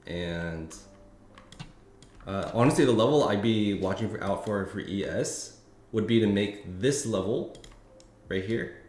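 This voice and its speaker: A man's voice: fairly low pitch, measured pace, long pauses, darkish tone. A man streaming live market commentary, thinking aloud with many fillers and restarts. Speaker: futures trading streamer. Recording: echoey room with faint noise.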